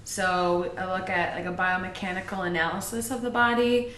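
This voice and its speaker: A woman personal trainer talking casually as a guest, with hesitant pauses and frequent fillers. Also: lowish voice, a bit bright, slight background noise. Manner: hesitant, many ums. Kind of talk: casual chat. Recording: roomy echo, distant mic, faint ambience.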